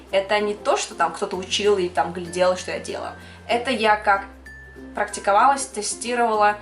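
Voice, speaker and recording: Casually answering viewers to camera, this young Kyrgyzstani makeup artist laughs now and then and slips English words into her speech. Her mid-range voice is a bit bright, and the space sounds reverberant.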